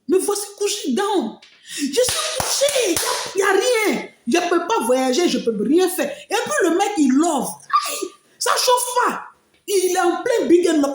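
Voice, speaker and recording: A woman's voice: very high voice, echoey room, background noise. A woman giving an emotional personal testimony, telling her story expressively with frequent exclamations. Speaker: testimony speaker.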